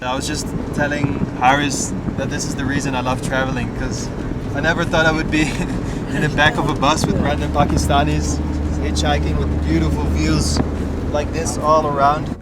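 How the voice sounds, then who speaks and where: A man's voice: on the high side, level tone, normal speed, heavy background noise. A man talking and narrating casually as a travel vlogger, with a tongue-in-cheek manner. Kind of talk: casual vlog talk and narration. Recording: music behind, travel vlog.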